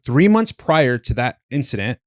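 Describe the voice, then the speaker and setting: A man with an ordinary mid-range voice tells a personal story on a podcast. He is candid, slangy and animated, swearing now and then. The sound is dry and close, with no room around it. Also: mid-range voice, moderate pace, dry recording. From Southern California. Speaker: podcast co-host, interviewee.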